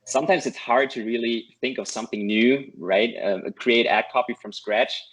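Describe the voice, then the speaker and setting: His voice is mid-range, a bit bright and slightly rough, at a normal pace on a low-quality recording. The German man, a non-native English speaker and course student, is a guest in a casual interview over a call, earnestly giving tips with repeated words and a habitual "right?"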